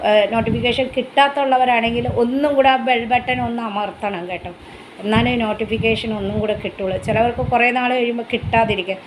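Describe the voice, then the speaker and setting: A woman's voice: on the high side, slight background noise, low-quality recording. A middle-aged woman chatting casually to her viewers as a pet vlogger, rambling and restarting as she goes.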